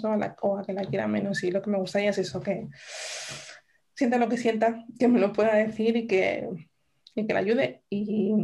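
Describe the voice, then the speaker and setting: A woman, a mother and podcast co-host, chatting casually and thoughtfully, often restarting her sentences and filling pauses. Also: medium pitch, creaky, a little mellow. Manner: reflective, with many restarts and fillers.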